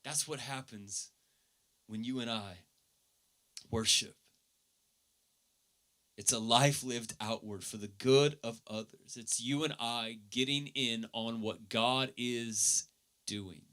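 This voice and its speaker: A man preaching a sermon as pastor, earnest, with his voice swelling loud and then dropping low. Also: takes it slowly, long pauses.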